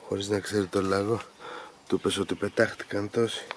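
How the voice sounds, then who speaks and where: A man's voice: on the low side, little pitch movement. A man training hunting dogs outdoors, explaining his methods in an instructive, emphatic way. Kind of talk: explaining to camera while working dogs. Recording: loud outdoor noise with barking dogs. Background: dogs barking.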